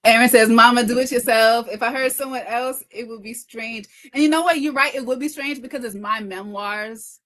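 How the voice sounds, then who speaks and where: Chatty and quick, a woman who hosts livestreams and creates content reads viewer comments out loud, stumbling and repeating herself. Her voice is fairly high with a fairly bright tone.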